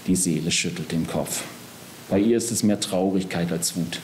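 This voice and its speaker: Man, literary reading, calm measured narration, low voice, faint hiss. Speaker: author reading.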